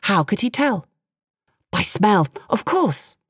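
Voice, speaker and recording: A woman narrating a fairy tale with expressive, playful storytelling and the odd aside. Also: medium pitch, slow, husky, no room sound, studio quality.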